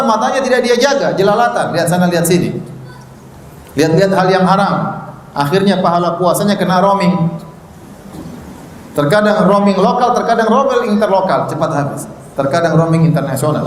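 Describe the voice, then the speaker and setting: A man's voice: sits high, slight background noise. A man preaching a sermon with emphatic rhetorical questions and touches of light humor. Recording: roomy hall reverb, faint ambience.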